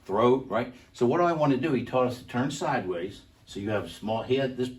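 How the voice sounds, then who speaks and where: A man's voice: mid-range voice, animated, fairly quick, far from the mic. An older man co-hosting a show, animatedly telling a self-defense story and demonstrating moves, laughing often. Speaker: co-host, karate instructor.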